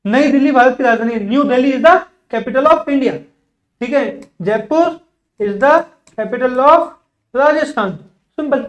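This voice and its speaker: A man teaching spoken English in a classroom, explaining words in Hindi, then saying each English example sentence slowly and carefully, often repeating words and asking the class questions back. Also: very high voice, a bit bright, echoey room, muffled recording. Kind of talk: bilingual classroom lesson.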